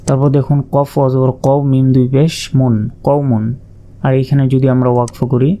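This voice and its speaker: A man teaching Quran reading step by step, spelling out letters and drawing out the demonstration words in long, slow sounds. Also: medium pitch, mellow.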